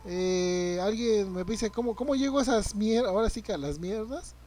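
A young man, streaming a game live, reacting loudly, swearing and greeting his chat. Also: high-pitched, normal speed, faint music behind. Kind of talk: live gameplay commentary.

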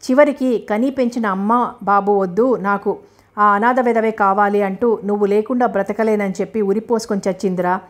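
A woman's voice: medium pitch, steady tone, normal speed, close to an everyday voice. A woman voicing an angry grieving old father. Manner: scolding, cursing.

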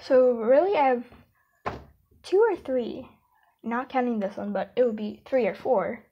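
A young woman who makes amateur comic dubs rambles casually, hesitating, halting and often correcting herself. Her voice is a little high, and the lo-fi recording carries a bit of hiss or hum.

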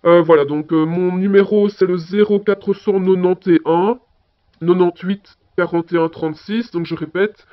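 Belgian French man, high voice, chatty answering machine message, muffled audio. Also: steady tone, moderate pace. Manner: chatty, fillers like voilà and hein. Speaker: caller. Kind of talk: phone message in a listening exercise.

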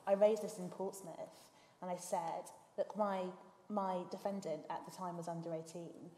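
Brief: woman barrister, lowish pitch, mellow tone, lively delivery, reverberant hall. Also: a little hiss or hum. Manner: animated storytelling, quick and emphatic. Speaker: barrister panellist. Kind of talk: panel discussion. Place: lecture hall. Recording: roomy hall reverb, faint ambience.

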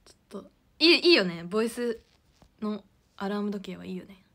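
A woman's voice: medium pitch, lively intonation, a little fast, sharp tone. A young woman hosting a casual idol livestream, giggly and chatty as she reads out viewer comments.

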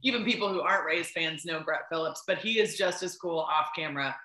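A woman's voice: deep voice, brisk, sharp tone, reverberant, rough recording. A woman in her thirties, a sports reporter, chatting enthusiastically over a video call and telling stories with lots of "um" and "like". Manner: enthusiastic, storytelling, frequent "um" and "like". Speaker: baseball sideline reporter and guest. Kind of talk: casual interview chat. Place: home room, on a video call.

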